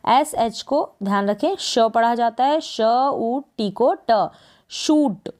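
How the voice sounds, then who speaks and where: A woman's voice: on the high side, slow, darkish tone. A woman with a Hindi accent teaching English phonics, spelling each word letter by letter and repeating it. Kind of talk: slow phonics lesson.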